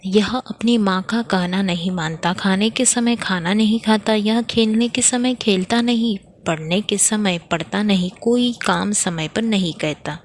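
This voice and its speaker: A woman voicing a female sleep fairy who lists complaints about a child, read slowly. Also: medium pitch, a little hiss or hum, lightly acted. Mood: complaining. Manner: tattling, complaining.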